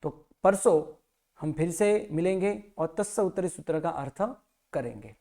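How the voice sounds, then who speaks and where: A man teaching a Jain prayer in Hindi, pronouncing each syllable slowly and correcting common mistakes. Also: on the high side, expressive, gravelly, dark tone. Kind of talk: slow recitation lesson.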